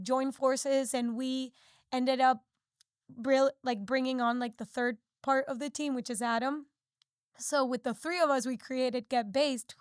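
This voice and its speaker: Podcast guest: young woman from Peru and the U.S., bright high voice, loose and chatty, dry close sound. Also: dry recording. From Peru and the United States. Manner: chatty, heavy use of filler "like". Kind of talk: casual interview chat.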